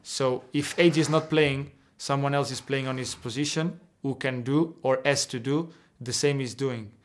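A man's voice: mid-range voice, steady tone, normal speed. A young man whose first language is Portuguese, a footballer answering interview questions earnestly over a video call, often restarting and repeating words. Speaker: footballer guest. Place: indoor locker room.

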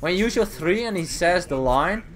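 A man's voice: high-pitched, lively intonation, normal speed, slight background noise. Chatty man commenting on gameplay. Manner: casual, chuckling, self-correcting play-by-play. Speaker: gaming channel host. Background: game music.

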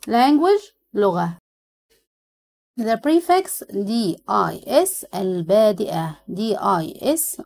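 A woman teacher with an Egyptian Arabic accent, explaining English words for young pupils and drilling them slowly. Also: medium pitch. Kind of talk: classroom lesson.

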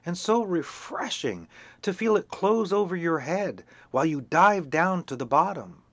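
A man's voice: fairly high pitch, animated, measured pace, no echo, pitched above the performer's own voice. A man voicing a meek, timid duckling. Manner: soft and meek. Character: timid, downcast young duckling.

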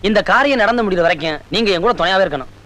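An actor playing an earnest young married man who speaks in a pleading, brisk way in a Tamil film comedy. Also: sits high, lively intonation, sharp tone.

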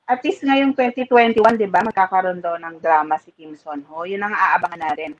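A woman's voice: fairly low pitch, moderate pace, lo-fi sound, crowd noise. A woman hosting a casual chat, talking easily and mixing Tagalog with English. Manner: chatty, mixes Tagalog and English.

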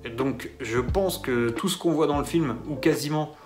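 A man's voice: medium pitch, moderate pace. Sarcastic male film reviewer, mid-range voice, loose mocking delivery, guitar track underneath. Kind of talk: casual solo film review.

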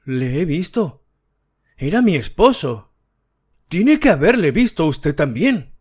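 A man's voice: very animated, slow, a little mellow, slightly rough, heavily acted. A man narrating an audiobook, voicing a frightened middle-aged widow in a frantic, pleading voice. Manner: frantic, pleading, high and strained.

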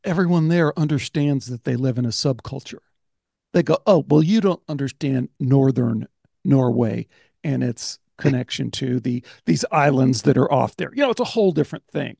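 A podcast host in his sixties chats animatedly on a video call into a large studio mic mounted on an arm, telling stories and doing voices when he quotes people. His mid-range voice is gravelly with a breathy edge, at normal speed, and there's no echo.

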